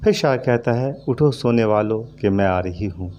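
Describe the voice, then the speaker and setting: A male teacher explaining a children's poem. He recites each verse line, then slowly paraphrases it. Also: on the low side, dark tone, dull audio, a little hiss or hum.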